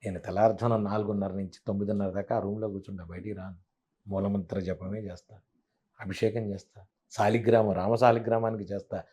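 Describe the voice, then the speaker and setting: A man's voice: lowish voice, little pitch movement, fast talker, warm tone, slightly rough. Emphatic preachy man teaching devotion. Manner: emphatic, preachy, full of rhetorical questions. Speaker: spiritual teacher, guest. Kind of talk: devotional interview talk.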